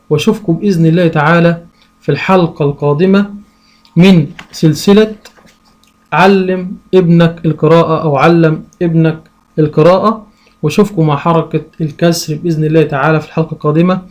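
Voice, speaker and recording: A man with an Egyptian Arabic accent teaching parents how to teach reading, asking himself questions and drawing out syllables slowly. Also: fairly high pitch, steady tone, darkish tone. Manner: slow, drawn-out syllable sounding; asks and answers his own questions. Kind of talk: lesson for parents.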